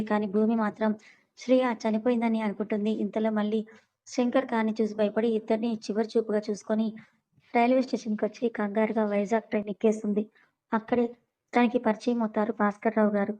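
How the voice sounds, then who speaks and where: A woman's voice: fairly high pitch, dark tone, low-quality recording. A woman narrating a serialized story and reading every character's lines in her own voice. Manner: reads all characters' dialogue in her own voice.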